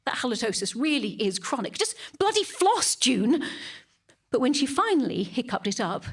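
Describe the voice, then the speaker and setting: A British woman plays a pious, defensive churchgoer hiding a guilty secret, giving a halting, indignant dramatic monologue to a police officer and repeating phrases for emphasis. Her high, slightly rough voice swings widely in pitch and is exaggerated, with a wistful, fussy mood.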